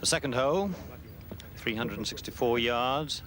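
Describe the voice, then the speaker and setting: A man giving explanatory live golf commentary in a measured, analytical manner. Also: mid-range voice. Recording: clear outdoor background noise.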